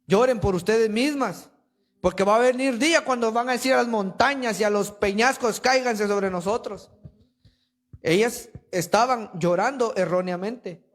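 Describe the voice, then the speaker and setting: A man's voice: sits high, normal speed. A man preaching a sermon in a church with emphatic, rhetorical delivery, addressing listeners as brother.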